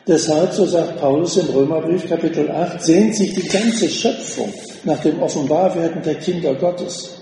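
A man preaching a sermon in a slow, measured way with deliberate pauses, recorded from a distance in an echoey church hall. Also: fairly high pitch, noisy background.

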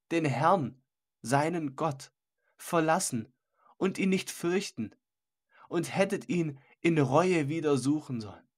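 Man reading as a stern old man. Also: on the high side. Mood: mournful. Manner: solemn, reproachful. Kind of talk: audiobook character voice.

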